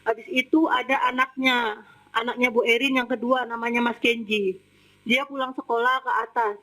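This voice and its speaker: A woman's voice: on the high side, steady tone, moderate pace, pushed and bright, rough recording. Woman plainly recounting her account. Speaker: domestic worker giving testimony. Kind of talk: personal testimony.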